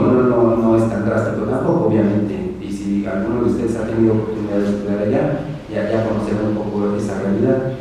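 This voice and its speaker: A man's voice: mid-range voice, warm tone. Mexican man lecturing in a very echoey hall. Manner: colloquial, discursive, acts out quoted remarks. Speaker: university lecturer and researcher. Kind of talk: informal lecture to students. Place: large echoey room, recorded from afar. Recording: echoey hall, distant mic, background noise.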